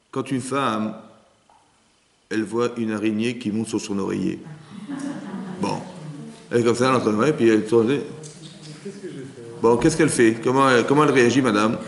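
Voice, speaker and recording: A rabbi leads a lesson for a seated group, his voice rolling around a roomy synagogue hall with a long reverb tail. He keeps throwing rhetorical questions at his listeners and answering them himself, at a pitch typical for a man. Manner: lively, full of rhetorical questions to the audience. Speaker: rabbi teaching a class. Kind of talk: religious lesson to a live group.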